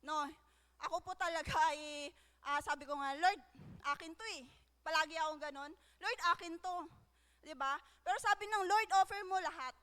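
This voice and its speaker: A young woman with a very high, bright voice shares her personal testimony at church. She speaks haltingly, filling gaps with fillers and checking in with tag questions, and her words trail off into the long reverb of a large hall. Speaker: church member giving testimony.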